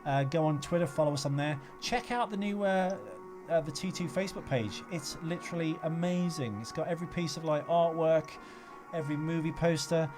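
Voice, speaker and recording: Rambling and joking, a male film podcast host banters casually as he signs off, his slightly high voice moving fairly quickly over background music.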